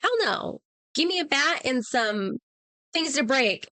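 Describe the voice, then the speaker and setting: A woman's voice: high voice, lively intonation, measured pace, sharp tone, no room sound. A woman in her thirties co-hosting a podcast in casual chat, outspoken and emphatic. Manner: outspoken, emphatic, self-deprecating. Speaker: podcast co-host.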